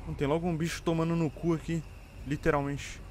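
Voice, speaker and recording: A man's voice: on the high side, flat delivery, fast, darkish tone, slight background noise. A young Brazilian man giving casual live commentary on a horror game, jumpy, exclaiming and swearing like a scared streamer. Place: indoor room, streaming webcam setup.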